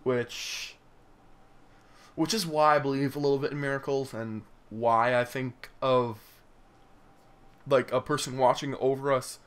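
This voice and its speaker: A man's voice: medium pitch, fairly even intonation, a little slow, pauses often, fairly bright tone. Young guy, mid voice, earnest, lots of likes and uhs. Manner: earnest, hesitant, lots of fillers. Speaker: host. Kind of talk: casual chat.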